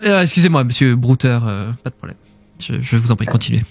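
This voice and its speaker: A man's voice: medium pitch, lively intonation, fast talker, vocal fry. A man voicing a vain, handsome young man who talks smugly about himself in a tabletop role-play. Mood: haughty. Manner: smug, self-admiring.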